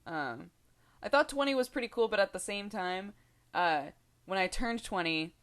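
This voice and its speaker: A woman's voice: medium pitch, lively intonation, moderate pace, a bit bright. A woman in her twenties talking casually to the camera in a rambling vlog, chatty and giggly, full of fillers and restarts. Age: 20s. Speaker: video blogger.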